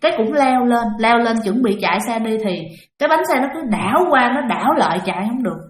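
A woman's voice: on the high side, animated, quick pace. A woman narrating a ghost story in a chatty way, often speaking straight to her listeners. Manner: chatty, addresses listeners directly. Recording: roomy echo.

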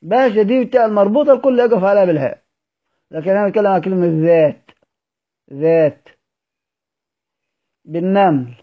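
A man's voice: high-pitched, a little fast, long pauses. A man with an Egyptian accent teaching a study circle, quizzing his students and answering his own questions. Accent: Egyptian Arabic. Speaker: Quran recitation teacher. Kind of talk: recorded study-circle lesson. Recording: dull lo-fi audio recording.

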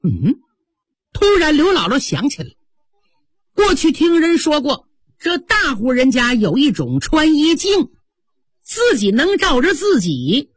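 A woman's voice: high voice, very animated, unhurried, no echo. A woman telling a traditional story vividly, with sound effects, in a broadcast. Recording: dry studio broadcast.

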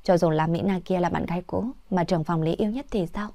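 A woman's voice: on the low side, fairly even intonation, fast talker, mellow, dry recording, natural voice. A woman voicing a pregnant office friend who urges and insists. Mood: urging. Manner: insistent, urging.

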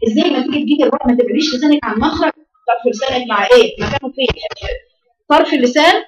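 A woman's voice: sits high, very fast, lo-fi sound. A woman with an Egyptian accent teaching a tajweed class, scolding and drilling her students on sounds. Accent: Egyptian Arabic. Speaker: Quran recitation teacher. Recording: roomy echo, voice from far off.

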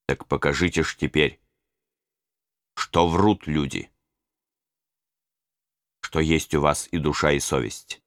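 A man's voice: very deep voice, steady tone, takes it slowly, long pauses, no room sound, clean studio sound, exaggerated voice. A man reading a solemn noble prince. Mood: earnest. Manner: earnest and solemn. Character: noble young prince, earnest commander rallying men. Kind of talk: audiobook reading.

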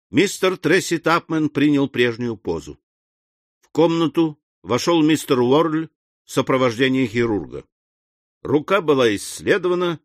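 A man narrating a comic classic audiobook with a lively, expressive reading. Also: a little high, no echo, clean studio sound.

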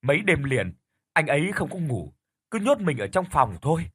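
A man voicing a panicked, grieving middle-aged wife who pleads breathlessly in a raised pitch. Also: very animated, normal speed, a bit bright, breathy edge, no room sound, studio quality, exaggerated voice. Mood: tearful.

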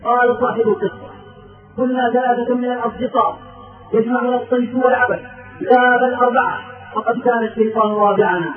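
A man's voice: very high-pitched, flat delivery, fast. A man preaching a sermon in a fervent, rhythmic way, telling a story and reciting verse. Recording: tinny, echoey, distant, with music.

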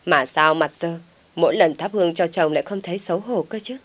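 Woman doing a snappy vain village wife, low voice, nagging. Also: fairly even intonation, brisk, darkish tone, lightly acted. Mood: indignant. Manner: scolding, snappish. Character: sharp-tongued middle-aged village wife, vain.

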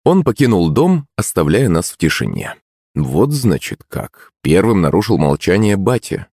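A man reading a first-person story as an audiobook narrator, in a wry, lively storytelling manner. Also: low-pitched, moderate pace, husky, dry recording, clean studio sound.

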